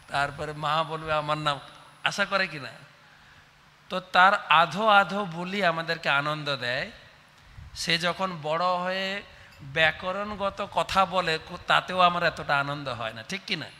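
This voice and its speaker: A man with a Bengali accent preaching a sermon, animated and often asking the audience questions. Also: a little high. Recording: long hall reverb, faint background hum.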